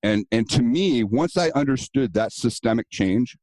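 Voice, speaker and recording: A man's voice: mid-range voice, expressive, moderate pace, darkish tone, dry recording, rough recording. A man being interviewed about his self-defense business, telling stories and acting out the dialogue in them in a casual, earnest way. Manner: storytelling, acting out quoted dialogue; earnest, advice-giving.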